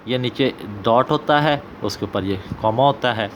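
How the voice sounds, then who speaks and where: A man with a Pakistani Punjabi accent, an Urdu teacher working through an exam paper and slowly repeating example sentences. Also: mid-range voice, slight background noise.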